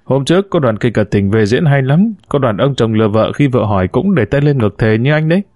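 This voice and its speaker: A man's voice: mid-range voice, animated, a little fast, darkish tone, no echo, natural voice. A shrewd, suspicious village wife, as a male narrator puts her on. She speaks sharply and mockingly, doubting everything her husband says. It is a storybook reading with a dry, close sound.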